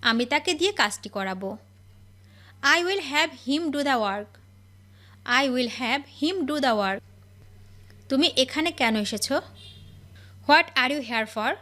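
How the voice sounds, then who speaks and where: A woman teaching English phrases, reading each sentence and then repeating the English slowly twice. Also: sits high, animated, bright, forceful tone.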